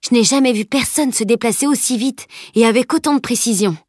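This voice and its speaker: A woman voicing an excitable, admiring young boy who often speaks in an eager whisper. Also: mid-range voice, a little fast, breathy edge, no echo, studio quality, close to an everyday voice.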